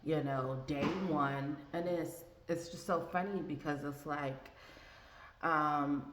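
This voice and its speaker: A woman's voice: deep voice, fairly even intonation, takes it slowly, a bit bright. A woman talking casually and from the heart in a faith vlog, rambling with many fillers and restarts. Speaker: vlogger. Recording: echoey room with faint ambient noise.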